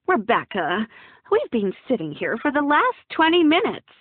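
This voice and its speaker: A woman's voice: medium pitch, very animated, moderate pace, slightly rough, dry recording. A woman reading an audiobook, voicing a stiff, reproachful middle-aged mother in a clipped, disapproving way. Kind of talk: audiobook character voice. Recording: dry, phone-like narrow sound.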